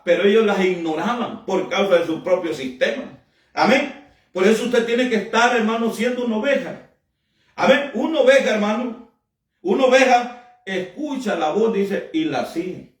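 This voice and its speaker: A man preaching a sermon in a fervent, emphatic way, often calling out to his listeners. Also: sits high. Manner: emphatic, fervent preaching with frequent "amén" and "hermano". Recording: echoey room from far off.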